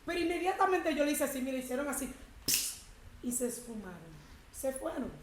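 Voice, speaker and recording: A woman's voice: fairly high pitch, roomy sound, a little hiss or hum, rough recording. A woman preaching a testimony in a sermon, telling her story with emphatic quoted speech.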